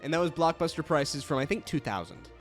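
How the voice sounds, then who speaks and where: A man's voice: on the high side, expressive, a little fast, soft background music. A young man hosting a let's play, chatting casually with lots of fillers and easy laughs. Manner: rambling, filler-heavy, laughs easily. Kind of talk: casual gaming commentary.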